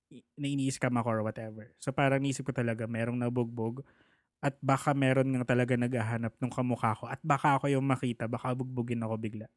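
A man's voice: mid-range voice, quick pace, no room sound, clean studio sound. A man casually telling a personal story, acting out the people he quotes. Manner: animated, acts out the people he quotes.

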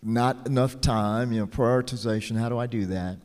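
A man hosting a recorded session, interviewing conversationally in a halting way, rephrasing as he goes. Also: mid-range voice, a little mellow. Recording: long hall reverb.

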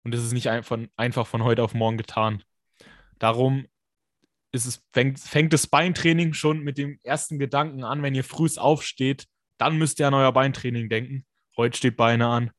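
A man with a scratchy smoker's rasp, co-hosting a podcast and giving blunt, colloquial, emphatic coaching advice in a casual chat. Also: mid-range voice, flat delivery, normal speed, dry recording, clean studio sound. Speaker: podcast co-host and fitness coach.

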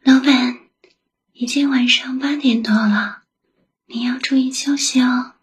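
A woman whispering softly as an attentive young secretary who looks after her boss in an ASMR roleplay. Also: high voice, fairly even intonation, a little slow, slightly rough, full character voice. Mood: caring. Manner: soft whispering, gentle and solicitous.

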